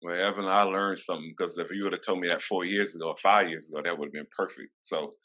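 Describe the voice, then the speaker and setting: A man hosts a casual interview in a very low voice. His tone is bright and forceful, and he keeps the talk warm and encouraging with plenty of fillers. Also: steady tone, fast. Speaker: interview host.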